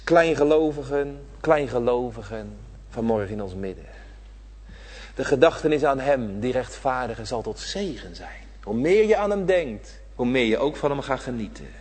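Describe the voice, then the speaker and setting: A middle-aged pastor preaching a sermon, swinging between soft talk and loud, drawn-out emphasis. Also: male voice, mid-range voice, breathy edge, big-room sound. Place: church hall.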